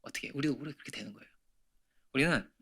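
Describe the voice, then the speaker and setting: Bright-voiced preaching man, asking the room. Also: mid-range voice, rapid-fire, breathy edge. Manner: conversational preaching with frequent rhetorical questions; rises to emphatic peaks and drops to near-whispers. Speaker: pastor. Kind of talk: sermon. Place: church sanctuary.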